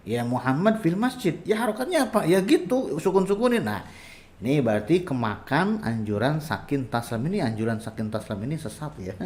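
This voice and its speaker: Lively man teaching Arabic. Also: on the high side. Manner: explains patiently, stretches Arabic examples slowly, many filler "ya". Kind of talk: casual online lesson.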